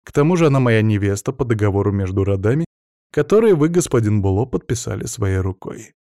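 A man's voice: on the low side, lively intonation, fast talker, warm tone, no room sound, studio quality. A man voicing a young aristocratic heir who speaks coolly, with control and firm demands. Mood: cold. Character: young male aristocrat heir, cold and self-assured.

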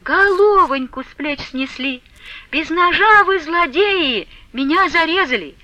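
A woman reading an old peasant mother who laments in a high, wailing voice, in an audiobook. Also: big pitch swings, moderate pace, bright, forceful tone, no room sound, heavily acted.

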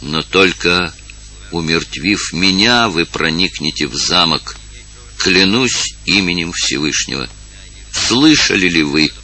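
A man's voice: low voice, animated, takes it slowly, pushed and bright, full character voice. A man reading aloud and voicing a pale old male village elder who pleads and commands with a raised voice. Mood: pleading.

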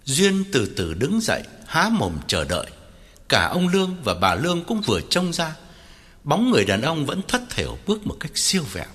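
Expressive male audiobook narrator. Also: fairly high pitch, breathy edge. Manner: measured, expressive storytelling. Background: guitar music.

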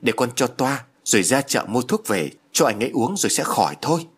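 A man's voice: mid-range voice, very animated, brisk, breathy edge. A man doing a headstrong young city woman. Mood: insistent. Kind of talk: audiobook character voice.

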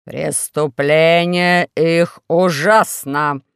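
A reader voicing a pompous, scheming underground dictator who makes slow, self-important proclamations in an audiobook. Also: mid-range voice, steady tone, creaky, smooth, no room sound, clean studio sound. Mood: cold. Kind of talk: audiobook character voice.

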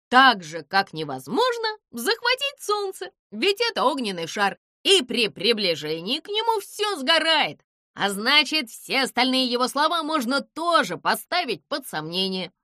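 Женщина озвучивает учёного кота, напыщенного и уверенного в себе, который торжественно рассуждает вслух. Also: female voice, sits high, pushed and bright, dry recording, studio quality, pitched above the performer's own voice, full character voice. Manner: grandiose, declaiming. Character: clever male cat, pompous and self-assured. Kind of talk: audiobook character voice.

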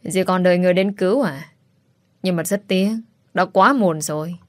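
A cold, determined young man, voiced by a woman reader speaks in a measured, controlled way in a story. The voice is a little low and recorded dry. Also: dry recording, natural voice.

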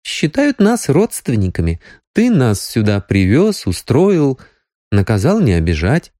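A man's voice: mid-range voice, wildly swooping pitch, unhurried, mellow, no room sound, studio quality, pitched above the performer's own voice. A man voicing a jealous, hot-tempered young woman, bitter and tearful. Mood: reproachful.

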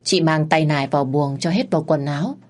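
A woman's voice: low-pitched, brisk, a little mellow. A woman narrating an emotional story expressively. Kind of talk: dramatic audio story narration.

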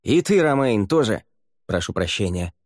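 A man voicing a commanding, sharp-tongued female pirate captain in an audiobook. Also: fairly low pitch, big pitch swings, normal speed, voice pushed up. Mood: snappish. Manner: commanding, snappish.

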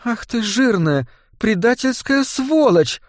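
A man's voice: lively intonation, slow, no echo, clean studio sound, heavily acted. A man voicing a fierce, foul-mouthed young woman who is a battle nun and shrieks her curses. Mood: furious. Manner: shrill and cursing.

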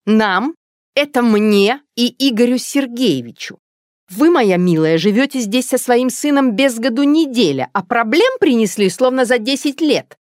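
A woman doing a shrill, spiteful lady. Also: lively intonation, unhurried, darkish tone, dry recording, clean studio sound. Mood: haughty angry. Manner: haughty, shrill. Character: shrill spiteful middle-aged woman neighbor.

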